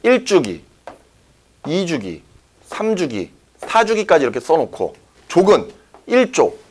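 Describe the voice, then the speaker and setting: Male teacher, classroom lecture, slightly high and very animated, checks on students constantly. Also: measured pace, breathy edge. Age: young adult. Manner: lively, checks often with students. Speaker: science teacher.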